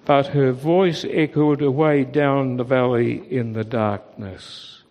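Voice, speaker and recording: Slow, expressive male storyteller. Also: fairly high pitch. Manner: gentle, expressive reading. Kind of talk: children's storybook reading. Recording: long reverb.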